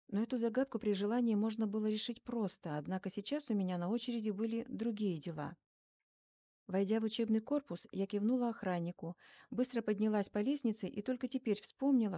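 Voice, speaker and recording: A woman reading first-person narration for an audiobook, measured and even. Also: medium pitch, lo-fi sound.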